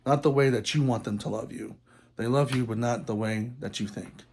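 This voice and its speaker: A man's voice: mid-range voice, fairly quick, a little mellow, a little hiss or hum. A man from Texas giving a casual, rambling movie review for his channel, with lots of ums and restarts. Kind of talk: casual film review vlog.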